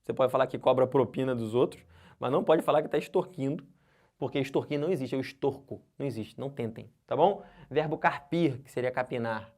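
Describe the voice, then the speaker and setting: A lively Brazilian man giving a recorded exam-prep grammar lesson. His pitch leaps up and down as he explains, in a casual, conversational way. He keeps checking that his students are following. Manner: colloquial, constantly checks in with students. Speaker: exam-prep Portuguese teacher.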